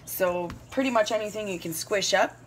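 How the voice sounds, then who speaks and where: A woman's voice: mid-range voice, normal speed, background noise. A woman in her thirties chatting casually through a home cooking demo in her kitchen, rambling and correcting herself as she goes, recorded on a phone camera. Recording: clear kitchen clatter of dishes and pans.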